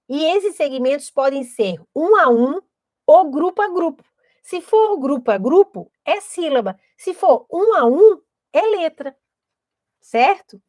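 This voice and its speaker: A woman's voice: sits high, dry recording, studio quality. A woman explains teaching steps in a didactic manner, often checking in with her listeners. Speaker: literacy educator.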